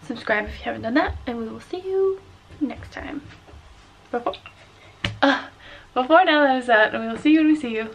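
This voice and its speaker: A woman vlogger talks casually at home, her voice a touch high and her laughter never far away. A clear layer of background noise sits under her chatter. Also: animated, fairly quick, long pauses, muffled recording. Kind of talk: casual vlog chat. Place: indoors at home after a trip.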